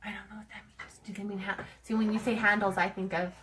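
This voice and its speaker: A woman's voice: medium pitch, little pitch movement, quick pace, a bit bright. A woman co-hosting a casual crafting livestream at home, joking and bantering playfully. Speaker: co-host. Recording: distant from mic with faint noise.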